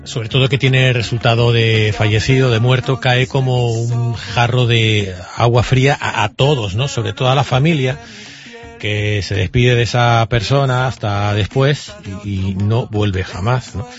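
A man's voice: medium pitch, steady tone, measured pace, faint music behind. Man, radio host, hesitant, question tags, muffled radio sound. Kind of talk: radio news interview.

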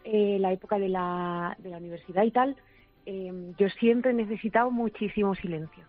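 A woman's voice: medium pitch, normal speed, faint music behind. Brief: female caller, hesitant, lots of fillers, tinny phone sound. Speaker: radio caller. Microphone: telephone.

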